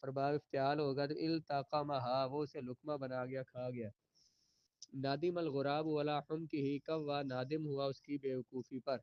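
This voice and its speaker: A man teaching an Arabic grammar lesson, reading each sentence slowly and then translating and explaining it. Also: mid-range voice, little pitch movement, smooth, dry recording, muffled recording.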